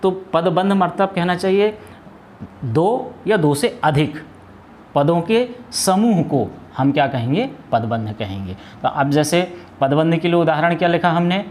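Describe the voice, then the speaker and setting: A man with a fairly high voice gives a Hindi grammar lesson, working through it step by step. He asks questions and then answers them himself, often hesitating and restarting mid-sentence. A faint hum of room ambience sits behind him. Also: animated, unhurried, a little mellow. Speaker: Hindi teacher. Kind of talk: classroom lesson.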